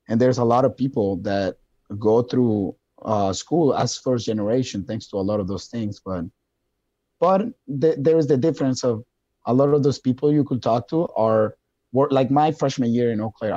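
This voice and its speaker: A young podcast guest with a heavy Colombian Spanish accent chats casually about his views, relaxed and searching, hesitating with lots of fillers and restarted phrases. His mid-range voice is mellow and dark. The recording is dry, close and dull, with a lo-fi quality.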